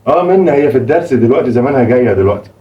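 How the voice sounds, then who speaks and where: A man with an Egyptian Arabic accent rattles off his lines at a breakneck clip as a flustered, placating father in a home comedy sketch. His voice sits at an ordinary middle pitch. It is picked up from some distance away from the mic. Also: expressive, highs cut off. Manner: fast-talking, flustered and placating. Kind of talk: comic home sketch acting.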